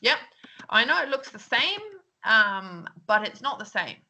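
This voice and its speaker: A woman records feedback for her English class. Her voice is bright and crisp, and she keeps checking in with "okay?" and "um". She speaks into a computer mic while going over a screen. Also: on the high side, expressive, unhurried, lo-fi sound, a little hiss or hum. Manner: chatty, lots of "um" and "okay?", laughs at herself. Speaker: English teacher.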